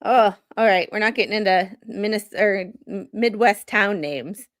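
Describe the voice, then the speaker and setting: A mid-range-voiced woman hosts a livestream, commenting as a non-lawyer. She reads legal filings haltingly and talks them over in an informal, self-deprecating manner.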